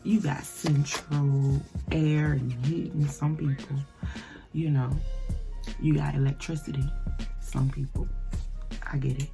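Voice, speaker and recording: Woman podcast host, low gravelly voice, blunt and profane, music behind her. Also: slow pace, pauses often. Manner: blunt, profane, animated storytelling. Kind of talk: casual solo podcast chat. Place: lives in Burbank, California.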